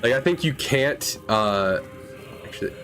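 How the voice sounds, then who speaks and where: A man's voice: medium pitch, lively intonation, unhurried, fairly bright tone. A young man chatting casually while streaming a game, rambling and correcting himself as he talks. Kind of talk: casual gaming stream chat. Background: faint game music.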